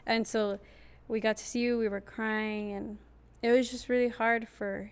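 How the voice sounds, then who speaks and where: Young woman, lively chatty storyteller. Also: a little high, moderate pace, smooth. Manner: lively storyteller, acts out quotes. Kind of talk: casual chat.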